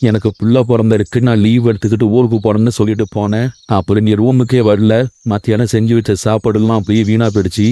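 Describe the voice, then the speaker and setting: A man voicing a gentle older male migrant worker near sixty in a cartoon, talking in a consoling way. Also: on the low side, flat delivery, fast, voice pushed down, close to an everyday voice. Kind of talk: Tamil cartoon voice acting.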